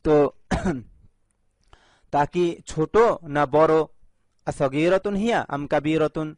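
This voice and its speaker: Bangladeshi guy teaching a video lesson, slow and repetitive, bit higher voice, dry close sound. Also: a little mellow, no echo. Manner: slow, repeats each phrase with its translation. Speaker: Arabic teacher.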